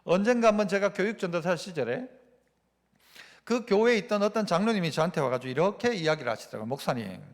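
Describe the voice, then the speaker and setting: A man's voice: sits high, animated, quick pace. A male pastor preaching a Sunday sermon, throwing rhetorical questions at the congregation. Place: church sanctuary. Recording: long church-hall reverb.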